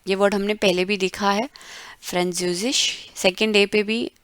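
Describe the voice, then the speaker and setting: A woman from India teaches German in an online lesson, sounding out each word slowly, syllable by syllable, and repeating it. Her voice is smooth and clear, sitting in the middle of the range. It is recorded close and dry, with no room sound. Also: mid-range voice, flat delivery, a bit bright, dry recording. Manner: slow, syllable-by-syllable pronunciation drills.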